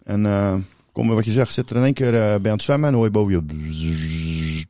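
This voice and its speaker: A man co-hosting a casual podcast, telling lively stories with casual swearing. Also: fairly low pitch, no echo, studio quality. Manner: quick, animated storytelling with swearing. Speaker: podcast co-host. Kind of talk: casual chat among friends.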